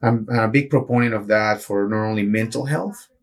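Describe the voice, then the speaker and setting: A man's voice: on the low side, moderate pace. A middle-aged man from Peru, a neurosurgeon guest in an interview, explaining things earnestly with frequent restarts. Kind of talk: interview answers.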